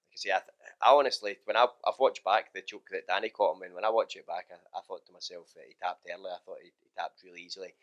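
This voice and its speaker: Deep, flat-voiced fighter talking fast. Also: male voice, lo-fi sound. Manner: quick, relaxed, many fillers and restarts. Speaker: MMA fighter and coach. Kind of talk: post-training interview. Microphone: handheld mic held close.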